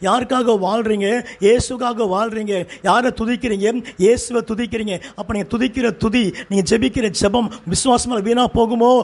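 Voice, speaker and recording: A man's voice: extremely high pitch, fairly even intonation, normal speed, few pauses. A man preaching a fervent sermon in short repeated phrases as pastor, with a Tamil accent.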